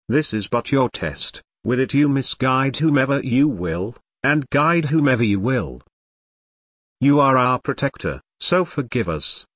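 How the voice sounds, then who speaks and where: A man reading scripture in translation, delivering it solemnly in short, measured phrases. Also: mid-range voice, a bit bright, no echo, clean studio sound. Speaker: scripture reader.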